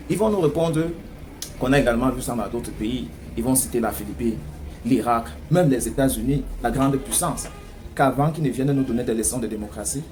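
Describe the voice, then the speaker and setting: With a darkish tone and a mid-range voice, this man offers political commentary in a Cameroonian French accent, pressing his points emphatically through rhetorical questions. He works as a news commentator, and background noise is clearly audible.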